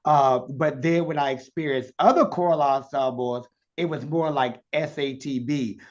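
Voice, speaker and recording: A man's voice: mid-range voice, fairly even intonation, normal speed, dull audio. A man with a Southern accent hosting a virtual interview, chatty and effusive, heard over a video call. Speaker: interview host.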